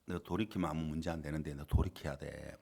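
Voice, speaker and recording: A middle-aged male pastor preaching a sermon in a church, telling a story with dramatic swings between loud and quiet. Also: a bass voice, fairly even intonation, fast talker, vocal fry, husky. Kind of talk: sermon with acted-out quotes. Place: church sanctuary.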